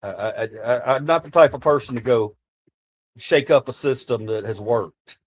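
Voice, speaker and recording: An American man livestreams at his desk mic, talking to his chat in a mid-range voice at normal speed. He's earnest and impassioned, speaking off the cuff and often restarting or repeating himself.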